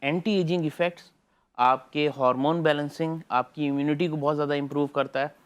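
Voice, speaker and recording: A man with a Pakistani accent, a doctor guest on a TV studio interview, explaining treatments at length in a measured way, with English phrases mixed in. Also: fairly high pitch, steady tone, smooth.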